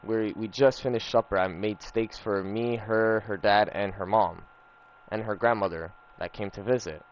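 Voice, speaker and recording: Over gameplay, a young man rambles through a personal story, cursing a lot, repeating himself, and padding with "like" and "you know." He's a gaming streamer with a lowish voice, fairly even intonation and a moderate pace, and there's slight background noise.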